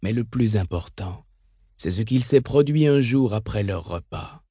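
A man reading the part of a frail, weakened old woman who speaks flatly and stays unshaken. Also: fairly low pitch, measured pace, husky, dry recording, studio quality, exaggerated voice. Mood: grim. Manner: flat, unshaken. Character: frail elderly sister, weakened and coughing.

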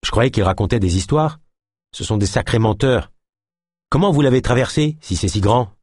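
A man's voice: mid-range voice, animated, moderate pace, darkish tone, breathy edge, no echo, studio quality, pitched above the performer's own voice. A man voicing a blunt, skeptical young woman who speaks incredulously. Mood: curious.

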